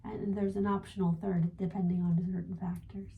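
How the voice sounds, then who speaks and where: A woman channeling a gentle male spirit guide as a seance medium, speaking formally and ending phrases with a questioning "yes?". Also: medium pitch, flat delivery, moderate pace, phone-quality sound, close to an everyday voice. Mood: gentle, assured. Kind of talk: spiritual guidance in trance channeling session.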